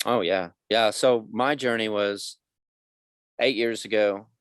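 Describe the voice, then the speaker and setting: Low-voiced man telling his story candidly. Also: fairly even intonation, slow pace, clear, resonant tone, no echo. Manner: candid storytelling, acts out quoted dialogue. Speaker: guest. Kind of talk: conversational podcast interview.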